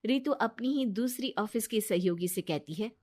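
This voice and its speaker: A woman narrating a cartoon story in a plain, even way. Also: on the high side, normal speed.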